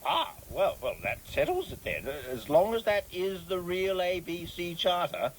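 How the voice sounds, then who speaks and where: A man's voice: sits high, very animated, a little slow, full character voice, low-quality recording. A man playing a prim, officious government inspector in a radio comedy sketch, prying and pompous. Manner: pompous, prying, sing-song emphasis.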